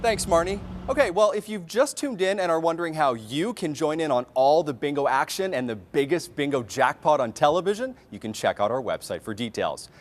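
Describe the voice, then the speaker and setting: Higher-pitched male game show host. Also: animated, fairly quick, hardly any pauses, a little hiss or hum. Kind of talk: live game show presenting, announcing. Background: music behind the voice.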